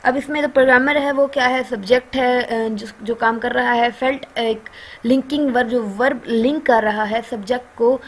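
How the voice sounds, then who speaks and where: Pakistani lady teaching an english course, kinda high voice, keeps pausing to check in. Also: fairly even intonation. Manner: conversational, frequent "ठीक है" check-ins and filler pauses. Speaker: online lecturer. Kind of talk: explaining a course lecture.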